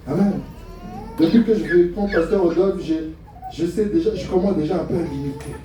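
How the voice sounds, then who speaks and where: In a very echoey church hall, a middle-aged pastor from France delivers a humorous sermon packed with rhetorical questions. His voice is a little high and comes from a distance at a moderate pace, with background noise in the recording.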